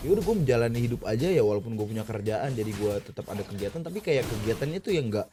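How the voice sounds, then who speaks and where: A young man in his twenties rambles casually into a desk mic as he games, full of slang and swearing. His voice sits at an ordinary middle pitch, and he keeps cutting himself off to react to the match. Game music plays clearly behind him. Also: animated, very fast, warm tone. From Indonesia. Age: 20s. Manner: slangy, swears often, breaks off mid-thought to react to the game. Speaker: streamer. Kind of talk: casual rambling chat while gaming.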